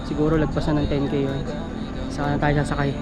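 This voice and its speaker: Casual Filipino vlogger, speaking breathlessly while running outdoors, middle pitch, cheering self on in short bursts over clear background music. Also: completely flat delivery, fast, rough recording. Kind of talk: casual running vlog, talking to viewers while running. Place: outdoors along a roadside.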